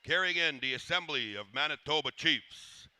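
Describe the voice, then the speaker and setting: A man serving as master of ceremonies, announcing live in a formal, reverent manner with measured phrases. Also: a little high, expressive, bright, forceful tone, smooth, dry recording.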